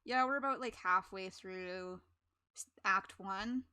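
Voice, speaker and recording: A woman's voice: mid-range voice, slow, pushed and bright, clear, resonant tone. A woman streamer giving chatty, rambling commentary during a live stream, laughing often.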